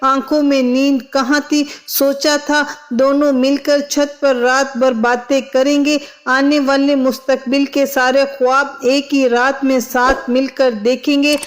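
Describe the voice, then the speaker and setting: A woman narrating a moral storybook with slow, steady reading. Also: high-pitched.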